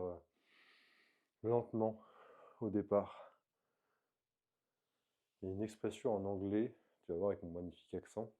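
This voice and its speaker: A man talking through slow floor exercises in a calm, explanatory vlog, coaching the viewer as he moves. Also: on the low side. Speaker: movement coach. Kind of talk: instructional vlog.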